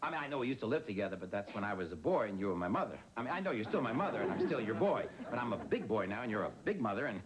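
A man's voice: fairly low pitch, sing-song, racing, hardly any pauses, crowd noise. An actor playing an easygoing but flustered man, a teacher, who stammers and restarts nervously in a sitcom. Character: easygoing, flustered middle-aged male teacher. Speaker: high school teacher. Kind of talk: sitcom acting.

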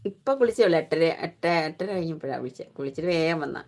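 A woman's voice: low-pitched, expressive, quick pace, a little mellow. Chatty woman doing a live stream. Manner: chatty, affectionate, greets viewers by name. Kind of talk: casual live-stream chat with viewers.

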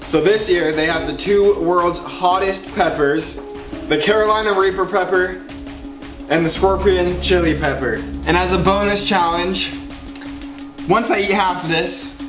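A man's voice: sits high, a little slow. A young man who vlogs, chatting casually to the camera indoors. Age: young adult. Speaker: vlogger. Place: indoor dining room, camera across table. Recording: echoey room, music behind.

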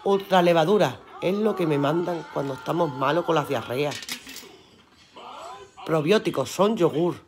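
A woman's voice: low-pitched, normal speed, pauses often. Brief: woman, live-stream seller, chatty and earthy, swears casually, laughs a lot. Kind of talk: casual live-stream chat reading viewer comments aloud.

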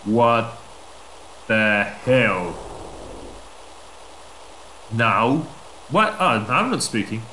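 A man's voice: mid-range voice, sing-song, drawn-out words, long pauses, pushed and bright, slight background noise, poor audio. A man hosting a let's play, thinking aloud and reacting with surprise as he plays. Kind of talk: casual gameplay commentary. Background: game music.

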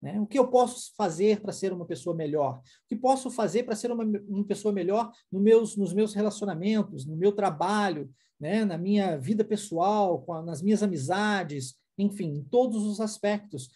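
A man's voice: high-pitched, normal speed, few pauses, mellow, husky. A Brazilian man with a Brazilian Portuguese accent, teaching an online English lesson and explaining patiently with frequent tag questions.

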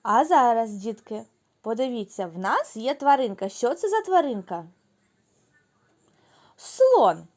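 A woman teacher leading a lesson for young children, speaking slowly and clearly, drawing words out syllable by syllable and praising the class. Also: on the high side, very animated, darkish tone. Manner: praising, answering her own questions.

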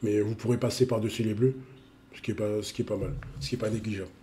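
A man's voice: on the low side, steady tone, fast, dark tone, slight background noise. A man with a cold, sniffling as he reviews a mobile game card in a casual, repetitive way, full of fillers. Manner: repeats himself, full of fillers.

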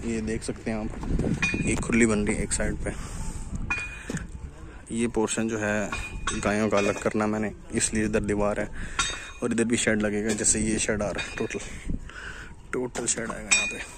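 A young Pakistani man with a lowish voice talks at normal speed, pausing often, as he shows viewers around the construction site for his cattle farm. The casual vlog is shot outdoors on a phone camera in selfie framing, with tractor and wind noise in the background, and he explains things steadily to his audience.

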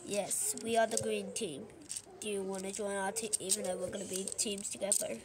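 A woman doing a playful deep put-on voice for a toy character during pretend play. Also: level tone, fairly quick, background noise, close to an everyday voice. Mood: mock-deep. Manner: playful, talking in a lowered voice.

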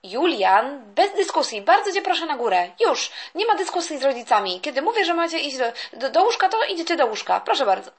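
A woman's voice: high-pitched, sing-song, a little fast, hardly any pauses. A woman voicing a stern father who lectures his kids about bedtime in a firm voice. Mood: strict.

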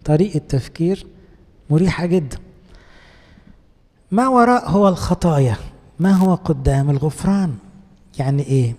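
A man's voice: a little high, expressive, normal speed, long pauses, a little mellow, big-room sound. A man with an Egyptian accent, a priest giving a conversational sermon in a coaxing, colloquial way and asking the congregation rhetorical questions. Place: church.

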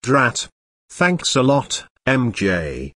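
A synthetic male voice playing a sulky, scheming troublemaker pupil in an animated video. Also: medium pitch, extremely slow, dry recording, clean studio sound, full character voice. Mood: grumbling. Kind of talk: animated school video dialogue.

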